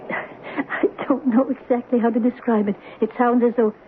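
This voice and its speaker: An actress with a slightly high, steady voice at a measured, near-conversational pace plays an anxious middle-aged mother worried about her teenage daughter. In 1970s radio drama fashion she speaks hesitantly and lets lines trail off, and the old broadcast sounds tinny and hissy.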